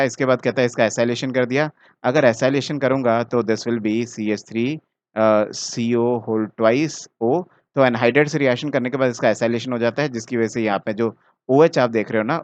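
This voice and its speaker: A man's voice: medium pitch, no echo. A man with an Indian accent, teaching chemistry and working through exam solutions step by step, mixing English terms into his speech and often checking in with the student. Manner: talks directly to the student, often checking "ठीक है ना". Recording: dry, slightly dull mic sound.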